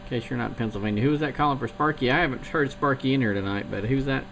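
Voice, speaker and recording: Chatting casually on a CB radio from his home station, a man rambles a bit in a medium-pitched voice with vocal fry, talking very fast. The radio transmission is noisy.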